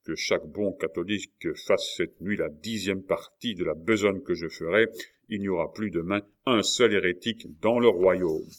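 A man voicing a zealous, fanatical male killer who talks loud and urgent. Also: low-pitched, moderate pace, natural voice. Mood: fervent urgent.

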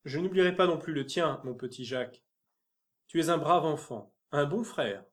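A kind former soldier, read by a man in a classic audiobook story. His voice sits fairly high for a man and stays calm and steady. He sounds gentle with a child and firm when crossed. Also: normal speed, lightly acted. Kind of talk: audiobook character reading.

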